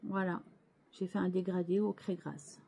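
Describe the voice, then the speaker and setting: A woman's voice: lowish voice, level tone, normal speed, vocal fry, mellow, husky. A woman hosting her scrapbooking channel, chatting casually as she shows her craft pages, hesitant and full of restarts, with chatty asides to viewers.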